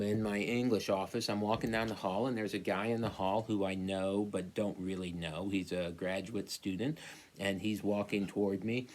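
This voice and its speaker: A man's voice: fairly low pitch, a little mellow. A middle-aged man, an English lecturer, explaining a poem in a conversational, storytelling way. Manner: conversational, storytelling with acted-out quotes. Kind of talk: recorded literature lecture.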